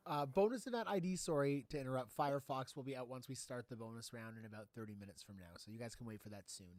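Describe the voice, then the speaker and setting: An upbeat man hosts a casual stream, chatting freely and laughing easily between announcements. His voice sits at an ordinary male pitch. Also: fast talker, darkish tone, no echo. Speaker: host. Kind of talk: casual livestream hosting.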